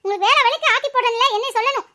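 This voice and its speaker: A fast-talking, scolding cartoon mother, played by a woman, with a very high, bright, piercing voice. She rattles off complaints in a sharp, hot-tempered way. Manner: scolding, rapid, shrill. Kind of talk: cartoon voice acting.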